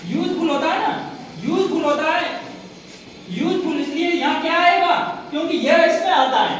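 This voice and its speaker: A woman teaching a grammar lesson, asking questions and answering them herself while repeating example words slowly. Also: extremely high pitch, a little hiss or hum. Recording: echoey room, distant mic, faint background.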